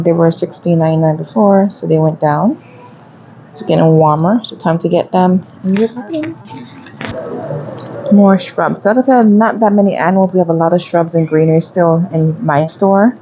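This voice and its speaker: Woman, low voice, mellow tone, chatty vlog commentary, dull lo-fi phone audio, faint store noise. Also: moderate pace. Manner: chatty, reads out prices while browsing. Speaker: gardening vlogger. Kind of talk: casual shopping vlog commentary. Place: garden center of a home improvement store.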